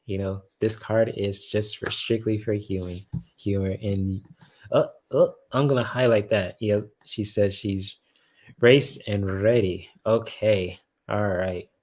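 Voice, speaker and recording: A deep-voiced man hosts a tarot reading live stream in a loose, chatty way. He laughs often, swears casually and repeats himself as he talks to his viewers. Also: darkish tone.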